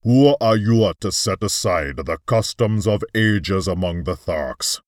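A stern old alien chieftain speaks slowly in a deep, cold, hard voice, as a man voices him. The sound is dry and close. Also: animated, dry recording.

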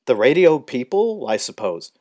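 A man reading the lines of a flustered, bewildered man in an audiobook, with an excitable, exasperated delivery. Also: mid-range voice, normal speed, voice pushed up, natural voice.

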